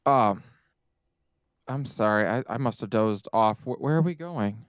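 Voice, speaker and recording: A man's voice: lowish voice, expressive, a little slow, no room sound, clean studio sound. A man voicing a confused young woman who talks hesitantly and tries to cover her unease. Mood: flustered.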